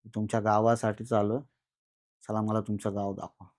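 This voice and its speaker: A man voicing a stern male Aghori ascetic in his story, speaking quietly and measured. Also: lowish voice, little pitch movement, no echo, studio quality, natural voice. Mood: calm commanding.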